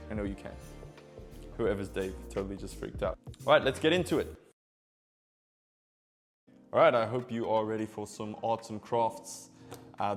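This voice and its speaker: A man's voice: fairly low pitch, darkish tone. A man giving a magic tutorial in casual, playful card magician patter, chatting directly to viewers.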